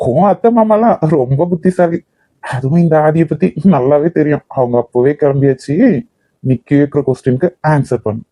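A man's voice: on the high side, normal speed, warm tone, no room sound, close to an everyday voice. A young man voicing a playful, teasing husband in a cartoon. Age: young adult. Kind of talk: cartoon voice acting.

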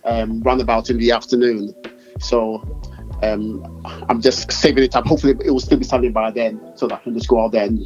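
A man's voice: mid-range voice, fairly even intonation, fairly quick, a little mellow, soft background music. A middle-aged man with a London accent, a podcast guest telling his story in a loose, rambling way with frequent self-corrections. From UK and Ghana. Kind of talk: casual interview chat. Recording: slightly dull remote call audio.

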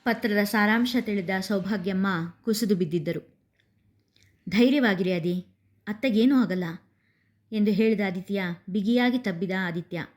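A woman reading an emotional family story aloud in a steady, expressive storytelling voice. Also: medium pitch. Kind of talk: scripted story narration.

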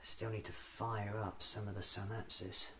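A man in his thirties playing a quirky, curious time-travelling alien doctor who muses softly to himself in hesitant short phrases, in an ASMR roleplay. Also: fairly low pitch, little pitch movement, background noise, lightly acted. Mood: musing, pleased. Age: 30s. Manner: slow, deliberate, hesitant self-musing in short phrases. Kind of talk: ASMR roleplay, soft-spoken musing to himself.

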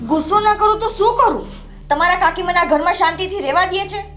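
An actress playing a frustrated young daughter-in-law who complains with an indignant edge. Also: female voice, sits high, lively intonation, brisk. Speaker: young wife in family drama. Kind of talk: Gujarati family drama acting. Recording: echoey room.

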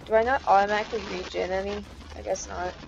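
A woman's voice: medium pitch, fairly even intonation, quick pace, creaky, lo-fi sound, background noise. A young woman casually commenting on her gameplay, chatty and easily startled, swearing often. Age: young adult. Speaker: gaming channel host.

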